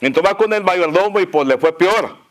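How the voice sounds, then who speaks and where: This northern Mexican pastor's high male voice carries a sermon story at a moderate pace. He comes across as folksy and chuckling, with frequent fillers.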